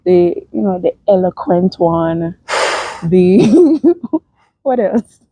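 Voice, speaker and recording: A woman's voice: lowish voice, animated, extremely slow, mellow, dry recording, poor audio. A young woman, co-hosting a casual chat with her partner and laughing often as she tells their story. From Jamaica. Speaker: co-host of a couple's channel.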